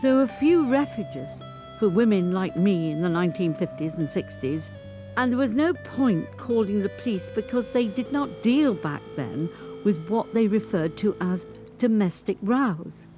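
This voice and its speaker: Voicing an 85-year-old grandmother, once the abused wife of a footballer and now a dignified survivor, an actress tells her life story in a measured, articulate dramatic monologue. The older voice is mid-range, expressive and close to everyday speech, with a grave, resigned mood. Instrumental guitar plays beneath this studio recording.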